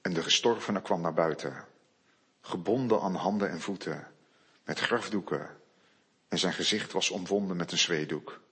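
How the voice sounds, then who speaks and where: A man preaching a sermon, reading Bible passages slowly and quietly, then building to loud, emphatic declarations. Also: low voice, slightly rough.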